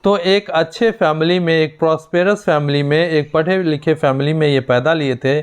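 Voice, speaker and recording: A young male teacher explaining a poem in a classroom lecture, reading English lines slowly and explaining faster in Hindi. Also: on the high side, steady tone, smooth. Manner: slow, deliberate dictation of English lines, quicker Hindi explanation.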